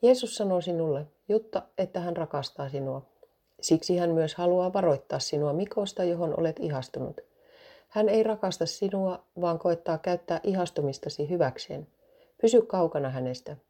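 Woman reader doing a sincere young boy believer, low mellow read, storybook. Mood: earnest. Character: earnest young boy, eager new believer.

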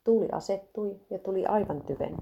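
A woman narrating a devotional story aloud in a steady, even reading. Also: medium pitch, vocal fry, dull audio, a little hiss or hum.

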